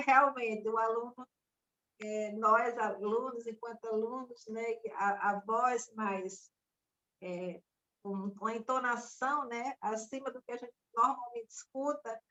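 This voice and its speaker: A woman's voice: fairly high pitch, pushed and bright, poor audio. A woman responding thoughtfully in a study group discussion, searching for words as she goes. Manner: hesitant, many fillers and restarts, reflective.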